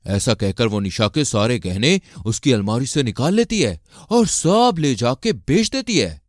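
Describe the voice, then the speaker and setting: Guy narrating a cartoon story, really animated up and down delivery, dry sound. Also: medium pitch, unhurried, no room sound. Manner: lively storytelling.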